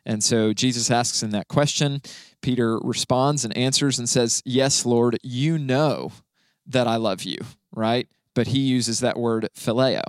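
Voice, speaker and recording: A man, a pastor, explaining a Bible passage in a relaxed conversational way, often checking in with "right?". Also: mid-range voice, unhurried, smooth, no room sound. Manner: explanatory, frequent "right?" and fillers.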